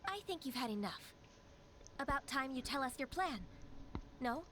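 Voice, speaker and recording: An actress voicing a calm, formal female secretary in a game. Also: high voice, background noise. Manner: formal, polite, measured.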